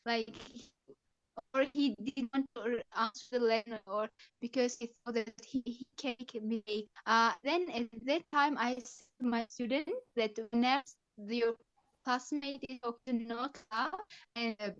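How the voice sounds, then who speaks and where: A woman teacher speaking over a bad connection on a video call, her audio cutting out as she tells a halting classroom story full of pauses and restarts. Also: on the high side, fairly even intonation, fairly bright tone, dry recording. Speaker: teacher attending a webinar. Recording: muffled, dull audio over a choppy call line.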